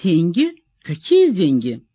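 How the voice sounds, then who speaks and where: A man's voice: high voice, huge pitch swings, slow, mellow, husky, no echo, highs cut off, exaggerated voice. A man reading an audiobook, voicing a domineering, sarcastic male boss who turns furious and bullying. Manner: mocking, then furious and bullying. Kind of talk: audiobook character voice.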